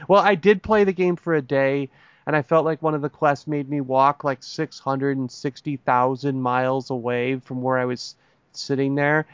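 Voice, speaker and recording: A man's voice: medium pitch, steady tone, moderate pace, smooth, dry recording. A man co-hosting a casual podcast, chatting in a rambling, jokey way that keeps interrupting itself. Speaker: podcast co-host. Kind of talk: casual chat.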